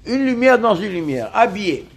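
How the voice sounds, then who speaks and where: Male religious teacher, fairly high voice, halting study-lesson delivery with frequent repeated words. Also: big pitch swings, gravelly, slight background noise. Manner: halting, repeats words while explaining each term.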